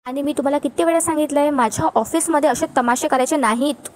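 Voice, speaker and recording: A woman's voice: high voice, quick pace, a little mellow, lightly acted. A woman voicing a stern, businesslike lawyer who gives firm orders.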